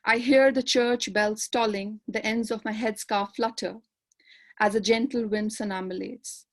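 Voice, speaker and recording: A woman from Kashmir, reading her poetry aloud in a measured, lyrical way on a panel discussion held over a video call. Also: medium pitch, fairly even intonation. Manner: measured, lyrical recitation with repeated refrains. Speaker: poet and panelist.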